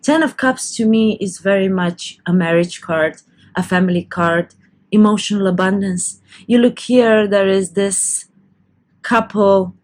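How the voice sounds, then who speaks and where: A woman's voice: medium pitch, a little slow. A woman doing a casual tarot reading to camera, talking loosely with restarts and self-corrections. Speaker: tarot reader.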